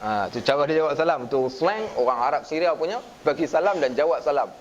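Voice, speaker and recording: A man's voice: fairly high pitch, fairly quick. A man preaching in a mosque, animatedly acting out a story with Arabic and dialogue. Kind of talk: lively storytelling sermon. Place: mosque, to a seated audience. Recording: dull lo-fi recording with faint hiss.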